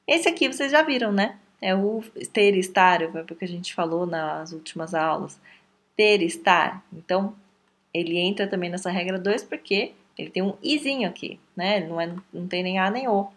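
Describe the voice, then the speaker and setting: A woman teaching an online language lesson, explaining patiently and checking in with her students often. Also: mid-range voice. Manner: patient, explanatory, repeats words slowly with frequent "tá?" and "né?" checks.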